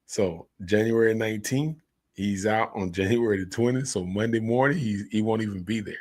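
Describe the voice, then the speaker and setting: A man talking casually as a crypto host, in a hyped, slangy, emphatic crypto bro manner, with a husky, gravelly voice. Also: on the low side, normal speed, a little mellow. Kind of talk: casual solo crypto commentary.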